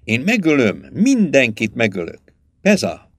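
A furious, despairing one-eyed man, as a man reading the story puts him on, who spits out threats in a strained, lowered voice and then falls into a weak lament. The voice sits low and swings widely in pitch. It is a dry, close audiobook reading. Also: huge pitch swings, vocal fry, no room sound, full character voice. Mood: raging.

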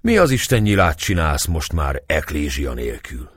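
A man reading aloud and voicing a gruff, hearty middle-aged castle lord who speaks in a raised, booming voice. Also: big pitch swings, fairly bright tone, dry recording, clean studio sound, heavily acted. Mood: blustering.

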